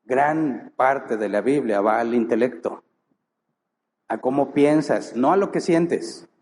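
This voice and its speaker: A man's voice: mid-range voice, takes it slowly, darkish tone, slight background noise. A man preaching a sermon as pastor, emphatic, full of rhetorical questions. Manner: rhetorical questions, emphatic, acts out short quoted lines. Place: church hall. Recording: long hall reverb.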